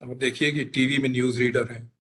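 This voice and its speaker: A man, a linguistics expert, explaining pronunciation in a deliberate teaching manner, spelling out and repeating his examples. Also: medium pitch, flat delivery, fairly bright tone. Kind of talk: explanatory career talk.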